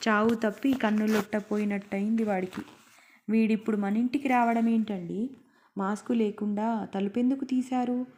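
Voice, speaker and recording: A woman voicing a sharp-tongued, anxious middle-aged wife who nags and mocks her husband in a storybook reading. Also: medium pitch, steady tone, normal speed, a little hiss or hum, natural voice. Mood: sarcastic scolding. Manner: sarcastic, nagging.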